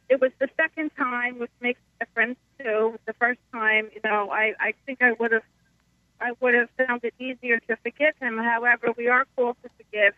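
A woman calling in to a radio show on her car speakerphone, talking haltingly with many fillers and restarts. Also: a little high, dry recording. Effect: car speakerphone over a phone line. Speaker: caller. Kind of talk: call-in radio talk. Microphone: phone speakerphone. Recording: tinny phone line, dry.

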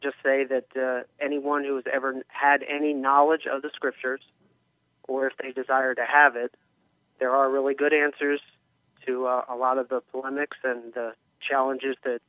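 A man's voice: mid-range voice, flat delivery, no room sound. Guy calling a radio show, kinda hesitant, lots of ums, dry tinny phone audio. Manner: measured, hesitant, many ums. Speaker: caller. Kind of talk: call-in radio talk.

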